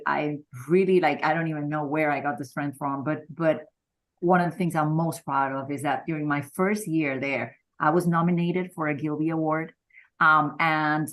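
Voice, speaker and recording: A middle-aged woman with a notably low voice. She tells her career story candidly and with animation, as an interview guest. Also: fairly bright tone.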